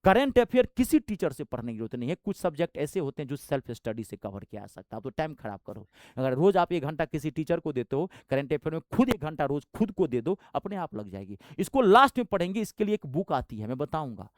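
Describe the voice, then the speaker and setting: Man, exam coach, blunt fiery pep talk, lively swinging pitch, dry sound. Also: quick pace, hardly any pauses, no room sound. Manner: fiery and blunt, with rustic slang. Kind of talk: motivational exam-prep talk.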